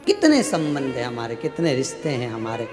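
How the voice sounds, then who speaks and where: A man's voice: medium pitch, normal speed. A man from India delivering a devotional sermon, acting out the voices of the characters in a comic story. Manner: lively, acts out voices of the characters in his story. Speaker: religious storyteller. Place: large hall with a crowd. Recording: echoey hall with music behind.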